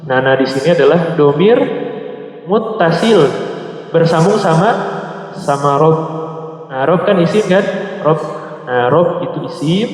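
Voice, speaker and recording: A man teaches Arabic grammar to a mosque congregation, in a slightly high voice. He quizzes his listeners and draws out words slowly so they can repeat them. His voice rings through a very echoey hall with a long reverb tail. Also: animated, darkish tone. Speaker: Islamic teacher. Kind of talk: classroom Arabic grammar lesson.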